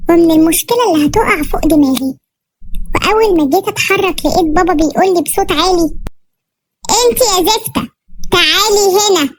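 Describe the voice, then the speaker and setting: A woman with an Egyptian Arabic accent tells a cartoon story in first person, in the voice of a frightened, tearful girl. Her voice sits very high. Faint noise runs beneath the reading. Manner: fearful, tearful girl's telling.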